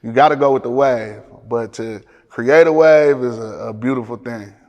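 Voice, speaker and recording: Detroit man, slangy and low-pitched, echoey. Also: normal speed, darkish tone, dull audio. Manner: slangy, profane, streetwise phrasing. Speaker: music producer, interview guest. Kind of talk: casual chat.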